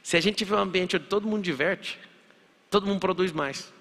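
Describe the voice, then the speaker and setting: A man's voice: high-pitched, fairly quick, fairly bright tone. A man with a Brazilian Portuguese accent giving a punchy motivational lecture, firing rhetorical questions. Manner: punchy, acts out dialogues, fires rhetorical questions. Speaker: motivational speaker. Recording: echoey hall with long reverb.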